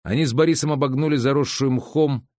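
A man narrating an adventure audiobook in a steady, even storytelling manner. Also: mid-range voice, brisk, dry recording, clean studio sound.

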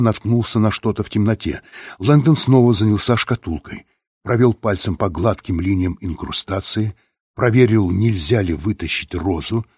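A man narrating a novel in an audiobook with measured, steady storytelling. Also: on the low side, husky, dry recording, studio quality.

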